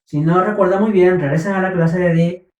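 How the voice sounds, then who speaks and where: A man's voice: high voice, steady tone, brisk, a little mellow, recorded from a distance, muffled recording. A man teaching an English vocabulary lesson, patiently repeating words and checking that students follow. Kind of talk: slow classroom explanation. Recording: roomy, from the mic.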